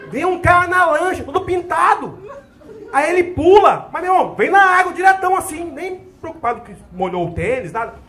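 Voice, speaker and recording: A young adult man from Brazil doing a profane, animated stand-up routine, with a crowd laughing in the background. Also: very high voice, a little fast. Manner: profane, animated storytelling with shouted sergeant bits. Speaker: stand-up comedian. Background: audience laughter.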